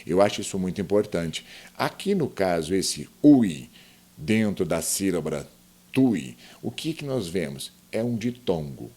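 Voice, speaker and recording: A man gives a grammar lesson, his pitch rising and falling a lot as he explains each point. He walks through it step by step and keeps asking his viewers questions. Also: big pitch swings, a little slow, warm tone. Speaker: grammar teacher.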